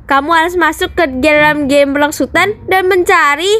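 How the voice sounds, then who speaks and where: An excitable cartoon boy. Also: high voice, moderate pace. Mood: excited. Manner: excitable, frequent exclamations. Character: cheerful excitable boy, big brother gamer. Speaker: older sibling playing a game. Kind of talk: playful game-play voice acting.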